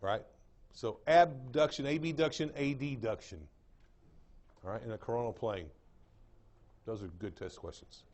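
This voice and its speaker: A man's voice: lowish voice, animated, normal speed, long pauses, a little mellow. A man with an East Texas drawl teaching an anatomy class, repeating key terms and checking that the class follows. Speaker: anatomy lecturer. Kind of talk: classroom lecture. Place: lecture room.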